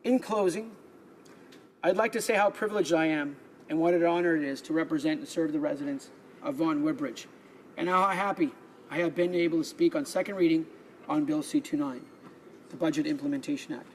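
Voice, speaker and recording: A man's voice: fairly high pitch, a little fast, slight background noise, poor audio. A man giving a formal parliament speech as a member, reading prepared remarks and stumbling over the odd word. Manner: reads prepared remarks, stumbling and restarting on words. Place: legislative chamber.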